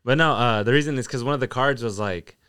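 A man's voice: medium pitch, fast, a bit bright, clean tone, no echo, studio quality. A young man chatting casually with friends as a podcast host, talking like a frat bro with lots of slang and swearing. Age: young adult.

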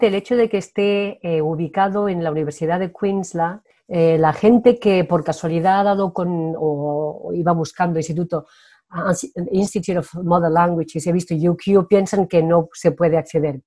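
Mellow low-voiced Spanish woman. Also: steady tone, moderate pace. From Spain. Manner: reflective, chatty, laughs easily. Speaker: language teacher. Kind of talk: radio interview guest.

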